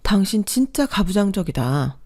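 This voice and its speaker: A woman voicing an exasperated young mother who scolds her husband in a sharp, reproachful way. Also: mid-range voice, very animated, moderate pace.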